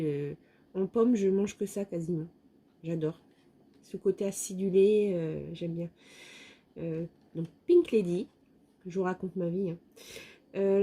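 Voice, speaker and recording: Woman, from France, craft vlogger, casual chat, slow pace, mellow tone, frequent fillers, self-mocking asides. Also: medium pitch, breathy edge. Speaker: craft vlogger showing a haul. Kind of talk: casual product review talk.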